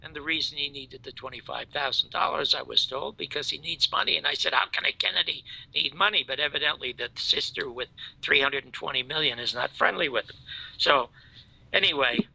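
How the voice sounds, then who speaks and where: Speaking briskly with vocal fry, an older talk show host gets worked up recounting a story and plays out each quoted exchange. His delivery lurches between booming outrage and hushed murmurs. There's no room sound, but the audio quality is rough.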